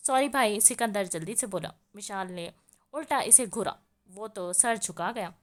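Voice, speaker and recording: A woman reading a romance novel aloud with expressive storytelling. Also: medium pitch, measured pace. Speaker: audiobook narrator.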